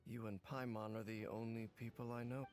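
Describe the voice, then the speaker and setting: An actor playing a calm, reserved swordsman in a game cutscene, measured and dry in delivery. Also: on the low side, lightly acted. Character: grave male swordsman, calm and guarded. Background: game soundtrack music.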